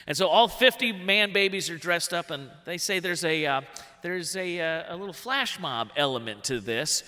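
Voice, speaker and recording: Bright-voiced man in his forties telling a comic story. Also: a little high, normal speed. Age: 40s. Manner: animated, jumps into big voices for quotes. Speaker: workshop storyteller. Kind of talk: live comic personal storytelling. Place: stage in a theatre hall. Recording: long hall reverb.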